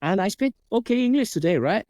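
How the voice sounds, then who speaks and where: A man's voice: sits high, expressive, a little fast, a little mellow, no room sound. A man from Iceland with an Icelandic accent, a coach and sales trainer telling his story as an interview guest, acting out the dialogue as he goes.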